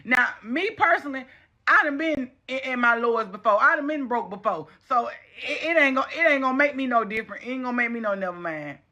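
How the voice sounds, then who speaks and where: Woman, Southern US accent, very bright piercing voice, emphatic scolding rant, slightly muffled lo-fi sound. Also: high-pitched, animated, a little fast. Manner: emphatic, scolding, repeats phrases. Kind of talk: impassioned casual rant.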